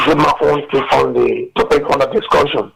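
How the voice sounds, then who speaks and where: A man calling in to a radio show, giving his view in a hesitant, halting way over a phone line. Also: medium pitch, steady tone, creaky, background noise. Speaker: caller. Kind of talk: phone-in comment.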